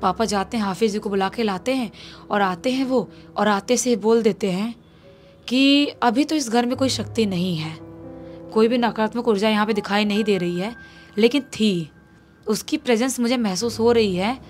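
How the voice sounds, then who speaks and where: A woman's voice: a little high, moderate pace, faint music behind. A woman telling a horror story as a storyteller, building suspense as she narrates. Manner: suspenseful, rising with intensity.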